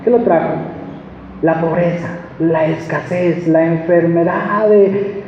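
Mexican male preacher, high voice, emphatic and repetitive, booming hall reverb, dull lo-fi sound. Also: fairly even intonation, takes it slowly, a little hiss or hum. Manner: emphatic, repeats phrases, asks rhetorical questions. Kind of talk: sermon. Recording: echoey, dull hall recording.

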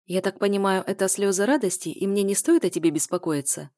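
A woman reading a brisk, ironic woman boss. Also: medium pitch, warm tone, no room sound, clean studio sound, lightly acted. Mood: dry.

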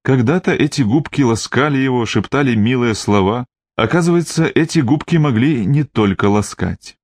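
A man narrating a novel as an audiobook reader, in a measured storytelling way. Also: medium pitch, expressive, darkish tone, no echo, clean studio sound. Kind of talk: scripted narration.

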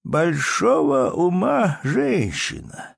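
A pompous old count drags out every word in a lofty, raised voice, as a male reader puts him on. His speech sways widely in pitch. The read-aloud recording is dry and close. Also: wildly swooping pitch, vocal fry, slightly rough, no room sound, heavily acted. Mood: pompous drawl. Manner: slow drawling tone.

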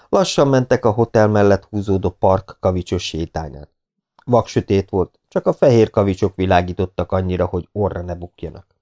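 A man reading a novel aloud as audiobook narrator in a steady, measured way. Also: deep voice, muffled recording.

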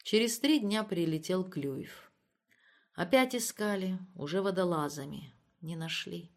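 A woman reading literary prose as an audiobook narrator, measured and subdued. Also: on the low side.

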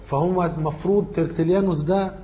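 Egyptian man lecturing, fairly high voice. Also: steady tone, fast talker, dark tone, slight background noise. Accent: Egyptian Arabic. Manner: thinks aloud, corrects himself mid-sentence. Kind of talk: informal lecture going through study questions.

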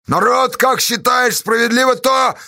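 A man voicing a loud, indignant bearded barge hauler who shouts and stirs up a crowd in an audiobook. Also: high voice, lively intonation, normal speed, pitched above the performer's own voice, exaggerated voice. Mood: indignant shouting. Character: shrill rabble-rousing bearded male barge hauler. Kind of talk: audiobook character voice.

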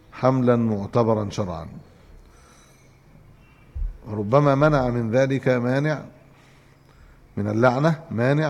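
A man with an Egyptian Arabic accent giving a religious lesson, reading a text aloud and explaining it in a measured way. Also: medium pitch, darkish tone, big-room sound. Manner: measured, explanatory, restarts to correct himself. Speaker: Islamic scholar teaching hadith.

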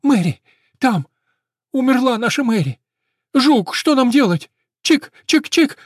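A man voicing a small, anxious male sparrow in a storybook reading, with a high twittering voice. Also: animated, moderate pace, fairly bright tone, dry recording, studio quality. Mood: panicked.

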